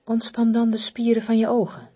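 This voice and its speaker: Woman, guided meditation, soft and very breathy, near whisper, slow soothing repetitive delivery, slightly dull recording. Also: a little high, completely flat delivery. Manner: soothing, hypnotic, repetitive, with long pauses. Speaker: relaxation guide.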